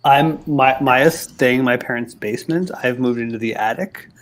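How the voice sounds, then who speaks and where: Fast, stumbling male game master. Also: medium pitch. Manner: quick, halting talk with many restarts and fillers. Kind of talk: casual chat and game narration on a live stream. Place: home in Halifax. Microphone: video call.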